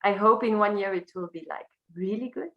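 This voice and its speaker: A singer and teacher from Brussels, a native French speaker with a Belgian French accent, is a casual interview guest speaking halting English and searching for words. Her voice is mid-range, and the audio is dull.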